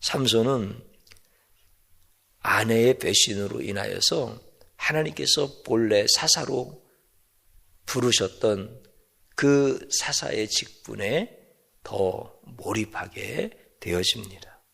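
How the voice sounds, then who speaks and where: Slow gravelly-voiced male pastor preaching. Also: fairly low pitch, pushed and bright. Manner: slow, emphatic preaching with rhetorical questions. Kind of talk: sermon.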